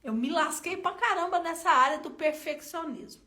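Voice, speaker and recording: A woman with a Brazilian Portuguese accent giving a motivational self-help talk, telling a personal story in an expressive, colloquial way and speaking straight to her viewers. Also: extremely high pitch, moderate pace. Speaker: self-help content creator.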